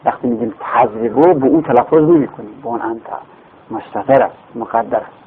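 A man's voice: medium pitch, slight background noise. A man teaching grammar in a classroom lecture, explaining patiently, repeating terms and asking and answering his own questions. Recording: phone-like lo-fi recording.

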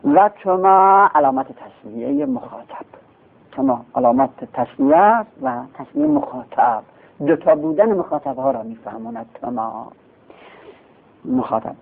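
A man's voice: high voice, big pitch swings, gravelly, husky. A man teaching a grammar class, explaining step by step and asking and answering his own questions. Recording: tinny phone-like sound.

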